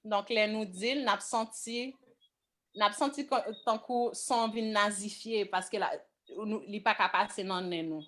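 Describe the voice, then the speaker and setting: A woman leads a classroom lesson on vowel sounds at a slow, deliberate pace. She keeps stopping to ask whether everyone is following. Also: medium pitch, a bit bright. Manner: slow, checks in with the class often. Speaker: language teacher.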